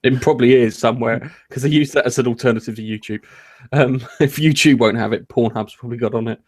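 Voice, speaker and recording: A man runs a casual gaming podcast in a relaxed, rambling way. He jokes about himself and trips over his phrases. His voice sits at an ordinary middle pitch. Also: fast talker. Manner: rambling, jokey, frequent ums and restarts. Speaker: podcast host.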